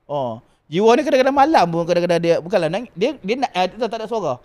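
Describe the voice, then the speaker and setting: A high-pitched man, in his thirties, talks casually about his kids. He jokes often and laughs through his stories. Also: big pitch swings, fast talker, a little mellow. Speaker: podcast guest father. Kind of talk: casual chat.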